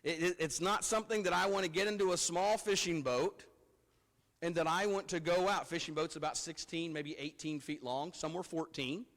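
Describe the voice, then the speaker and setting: A pastor with a somewhat high, slightly bright voice preaches a sermon at a pulpit microphone at a moderate pace, talking conversationally and often repeating words. The church sanctuary gives the recording a long hall reverb.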